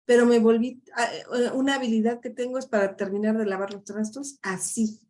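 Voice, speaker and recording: A middle-aged woman leads a live online coaching session. Her voice sits a little high for a woman, and she keeps checking in with her listeners through frequent little tag questions. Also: steady tone, a little fast, darkish tone. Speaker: life coach. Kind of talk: live online workshop talk.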